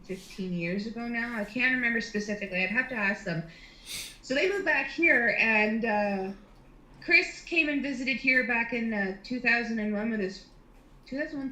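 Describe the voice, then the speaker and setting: A woman in her thirties chats casually as a guest, her voice bright and forward. She rambles, piling on fillers and restarts as she talks. The sound is echoey, as if in a bare room. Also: medium pitch. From Ontario, Canada. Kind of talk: casual chat.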